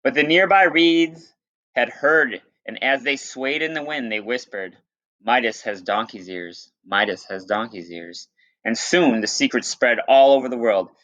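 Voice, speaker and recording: A man narrates a story aloud as a teacher would, slipping in informal, instructive asides for those listening. He speaks at a measured pace and medium pitch with a slightly bright tone. The audio is dull and lo-fi.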